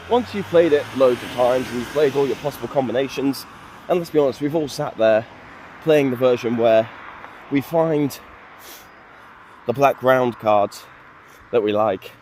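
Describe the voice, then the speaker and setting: A man talking into a phone at arm's length while out on a walk. He rambles casually at a middle pitch, making jokes at his own expense and throwing in lively asides. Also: slight background noise. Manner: joking, self-mocking, lively asides. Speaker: vlogger. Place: outdoors on a walk.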